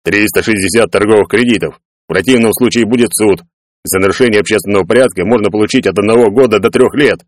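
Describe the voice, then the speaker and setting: A man's voice: lowish voice, fast talker, no echo, studio quality, lightly acted. A man voicing a stern male gendarme who speaks in a formal, officious way.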